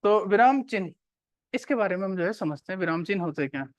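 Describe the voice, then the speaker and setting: A man's voice: high voice, animated, fast, dry recording. Man lecturing a class, quizzing students. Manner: repeats key points and quizzes students. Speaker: teacher.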